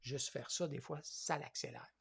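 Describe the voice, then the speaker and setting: A man's voice: mid-range voice, steady tone, normal speed, vocal fry, a bit bright, husky. A man with a Quebec French accent teaching a tablet class, hesitant and thinking aloud as he demonstrates step by step. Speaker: tablet course instructor.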